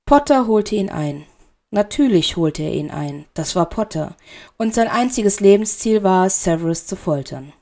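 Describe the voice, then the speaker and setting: A woman reading fan fiction aloud as an audiobook narrator, with a slow, measured, dramatic delivery. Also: medium pitch, expressive, a little mellow. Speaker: reader.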